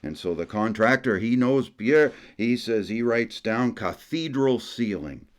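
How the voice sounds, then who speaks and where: A man's voice: medium pitch, expressive, measured pace, lightly acted. A man doing a folksy Acadian French storyteller. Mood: folksy storytelling. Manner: folksy, rambling, tacks "there" onto phrases.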